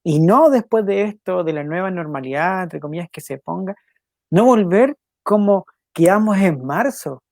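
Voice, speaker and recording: A man's voice: high-pitched, expressive, gravelly, a little mellow, no room sound. Guy hosting a church talk show, earnest and chatty, repeats himself, dry close sound. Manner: earnest, repeats phrases, quick asides, laughs now and then. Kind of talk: casual devotional talk and spoken prayer.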